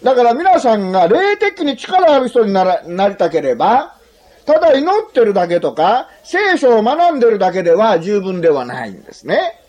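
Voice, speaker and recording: Man, preacher, sermon, husky voice, very animated pitch, humorous asides. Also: normal speed. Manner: chatty and humorous, often adds a questioning "ne"; asks the listeners questions. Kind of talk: sermon to a congregation.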